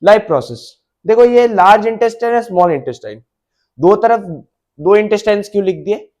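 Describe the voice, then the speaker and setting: A man's voice: high voice, expressive, brisk, darkish tone. A male biology teacher lecturing at a board, mixing Hindi and English, repeating key terms and checking that students follow.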